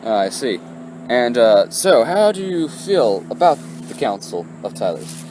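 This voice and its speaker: A man playing a casual anchor on a homemade spoof newscast, pausing mid-sentence as he presents and interviews. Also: mid-range voice, big pitch swings, roomy sound. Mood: inquisitive. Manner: halting, pauses mid-sentence. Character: laid-back male anchor of a spoof amateur newscast. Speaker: host and interviewer. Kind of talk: mock news presenting and interviewing. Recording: noisy amateur recording, background hum.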